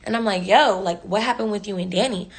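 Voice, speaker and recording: A woman's voice: mid-range voice, a little fast, slightly rough. A young woman telling a story in casual slang, swearing constantly and acting out the people she quotes. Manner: profane, slangy, animated retelling with quoted voices.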